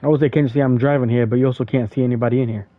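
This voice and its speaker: A gaming streamer fires off casual play-by-play at a rapid clip, his mid-range voice keeping a steady tone. He rambles with many fillers and stammered restarts. The sound is dry, tinny, and phone-like, with no echo.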